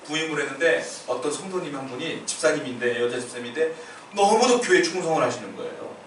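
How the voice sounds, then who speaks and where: A man's voice: on the high side, lively intonation, quick pace, fairly bright tone, a little hiss or hum. A male pastor giving a sermon in a conversational, storytelling manner, recorded in a church sanctuary. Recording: echoey church hall from far off.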